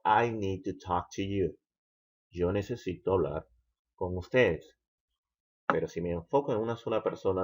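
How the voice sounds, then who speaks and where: A man teaching English grammar, slow and patient, checking in with the listener again and again. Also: deep voice, a little mellow, husky, highs cut off. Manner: slow, patient, repeats "¿ok?" often. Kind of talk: explaining grammar.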